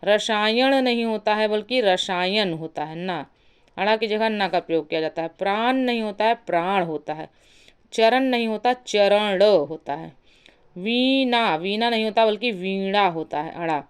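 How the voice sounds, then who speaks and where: A woman teaching a Hindi spelling lesson, slowly repeating and spelling out each word. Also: mid-range voice, smooth. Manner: slow, deliberate, repeats and spells out words.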